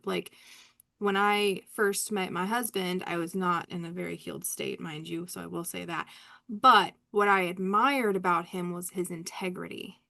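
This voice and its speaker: A woman's voice: lowish voice, creaky, pushed and bright. A woman hosting a live spiritual reading, talking in a rambling, candid way and laughing often. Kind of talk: casual live reading chat.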